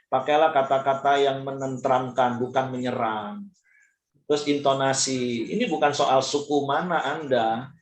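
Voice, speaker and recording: A male pastor giving an animated sermon talk, acting out quoted people in changing voices. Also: medium pitch, normal speed, echoey room.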